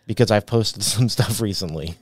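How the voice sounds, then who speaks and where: A man's voice: fairly low pitch, moderate pace, no echo, studio quality. A man co-hosting a casual podcast, talking in a rambling way and often restarting his sentences. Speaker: podcast co-host. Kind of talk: casual chat. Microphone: podcast studio mic at a mixing board.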